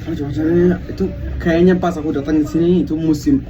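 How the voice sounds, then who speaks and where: A man's voice: a little high, fairly even intonation, a little fast. A young man with a Sudanese accent speaking Indonesian as a foreigner, chatting casually as a guest and dropping in English words. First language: not Indonesian. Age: young adult. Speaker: interview guest, university student. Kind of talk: casual chat. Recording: distant mic, clear background noise.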